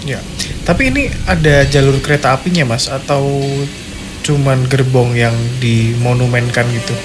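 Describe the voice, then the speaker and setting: A man hosts a live horror-story call-in radio show, chatting casually and directly to listeners while music plays behind him. His medium-pitched voice moves at normal speed, and the audio is poor.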